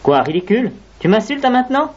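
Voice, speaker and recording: A woman's voice: on the high side, big pitch swings, fast talker, slightly rough, dull audio. A woman voicing a bossy, blustering ant general who barks orders at his soldiers. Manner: commanding, blustering.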